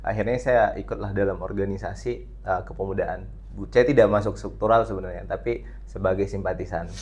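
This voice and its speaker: A young man from Riau, a student leader and podcast guest, answering in a measured, thoughtful way with frequent filler pauses. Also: low-pitched, fairly even intonation, a little mellow. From Riau, Indonesia. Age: young adult. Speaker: student body president, guest. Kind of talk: casual podcast interview.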